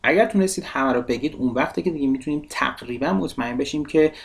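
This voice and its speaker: Male teacher drilling English phrases. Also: mid-range voice. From Iran. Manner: repeats phrases slowly and clearly for learners. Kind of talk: language lesson, explaining in Persian.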